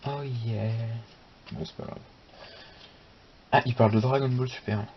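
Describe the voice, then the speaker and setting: A man's voice: medium pitch, normal speed. Rambling young man unboxing manga. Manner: rambling, self-talking, casual swearing. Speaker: manga channel host. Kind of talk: casual unboxing chat. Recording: dull recording with steady noise.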